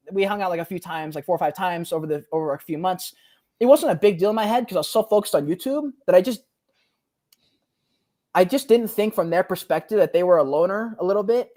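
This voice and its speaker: A young man talks as a podcast guest, in a loose, slangy storytelling way. He acts out the other people in his story, and his pitch swings a lot as he does. He speaks in casual conversation rather than from a script. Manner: animated, slangy, says "bro" often, acts out quotes.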